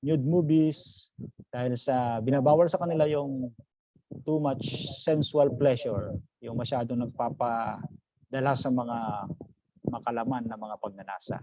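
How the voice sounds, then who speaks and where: A man's voice: mid-range voice, fairly even intonation, measured pace, warm tone, slight background noise. A man, a pastor, teaching an online class. He mixes English phrases into his talk, calls his listeners brothers and sisters, and quizzes the class. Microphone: video call. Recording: dull lo-fi video call audio.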